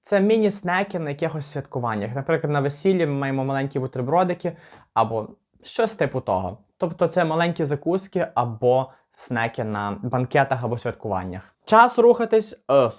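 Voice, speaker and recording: A man's voice: medium pitch, big pitch swings. Chatty man teaching English pronunciation. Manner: chatty, slows down to spell out words. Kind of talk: casual pronunciation lesson.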